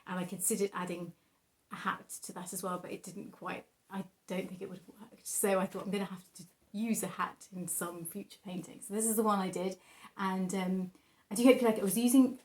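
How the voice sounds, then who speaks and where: A woman's voice: medium pitch, steady tone, a little fast, darkish tone. Chatty, self-deprecating young woman. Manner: giggly, self-deprecating, hesitant asides. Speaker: painter presenting own artwork. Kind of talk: casual rambling vlog chat.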